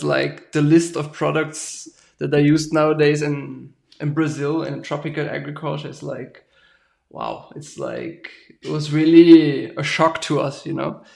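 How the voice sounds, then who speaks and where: A man, a farmer guest talking casually and haltingly, often ending with "right?". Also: fairly high pitch, gravelly. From Germany. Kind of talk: casual interview talk.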